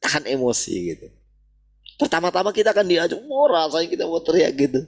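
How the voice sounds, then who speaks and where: Male preacher, husky voice, lively pitch, casual sermon delivery. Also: fast talker. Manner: animated, repeats "gitu" often. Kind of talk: sermon over video call.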